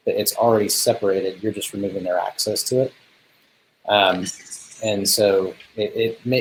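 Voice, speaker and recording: A man's voice: low voice, slight background noise, low-quality recording. A man co-presenting a business webinar, talking casually and hesitantly with many ums and restarts.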